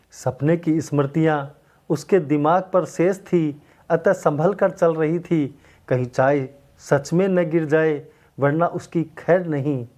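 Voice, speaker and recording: Mellow man narrating a story. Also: a little high.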